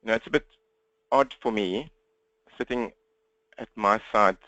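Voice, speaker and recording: A South African man gives an upbeat, direct, fast-paced live webinar training to his laptop from a desk at home. His lowish voice sounds pushed and bright. No echo is present, but the highs are cut off.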